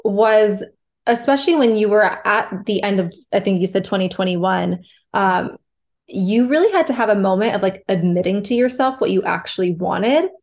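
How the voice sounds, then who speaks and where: A woman's voice: medium pitch, expressive, normal speed, darkish tone. A woman hosting a casual podcast interview, chatty and curious as she asks about her guest's experience. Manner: chatty and curious, with fillers and restarts. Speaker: podcast host.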